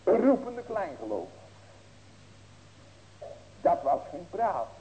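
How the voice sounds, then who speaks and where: Pastor preaching with sudden cries. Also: male voice, sits high, very animated, takes it slowly, rough recording. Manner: preaching with sudden loud raised cries and rhetorical questions. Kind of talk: sermon.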